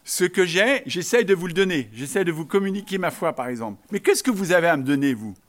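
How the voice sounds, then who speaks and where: A man with a high voice delivers a sermon in a conversational way. He makes joking asides to the congregation and drives his points home by repeating phrases. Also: lively intonation, fast talker. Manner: emphatic, repeating key phrases. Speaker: preacher.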